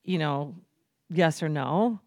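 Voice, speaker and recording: A woman's voice: deep voice, slow pace, darkish tone, dry recording, clean studio sound. Earnest woman author. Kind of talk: conversational interview.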